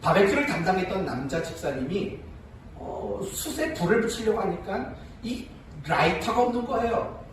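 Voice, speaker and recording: A man's voice: high voice, animated, moderate pace, heavy reverb, far from the mic, a little hiss or hum, poor audio. A male pastor preaching a sermon and telling a story, often asking the congregation rhetorical questions.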